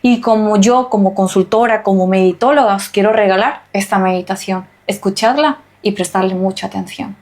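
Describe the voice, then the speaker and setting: A woman's voice: mid-range voice, moderate pace, few pauses, darkish tone. A woman hosting a spiritual podcast, speaking earnestly and urging listeners with emphatic repeated phrases. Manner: earnest, emphatic, repetitive exhortations. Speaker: podcast host and holistic nutritionist.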